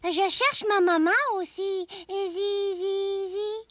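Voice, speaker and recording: A performer voicing a small winged, hooved creature searching for its parents, speaking in slow rhyming sing-song echoes with a Québécois accent. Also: extremely high pitch, little pitch movement. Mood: wistful. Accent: Québécois French.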